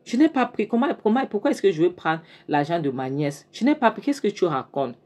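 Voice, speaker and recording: A woman's voice: fairly low pitch, very animated, brisk, a little mellow. A woman voicing an aunt who protests, flustered, that she took no money. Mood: defensive. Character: defensive aunt accused of theft.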